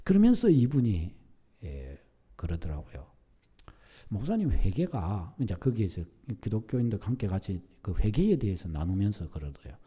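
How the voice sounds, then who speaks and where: A male pastor preaching a sermon, an animated storyteller who acts out the voices he quotes. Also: lowish voice, moderate pace, breathy edge.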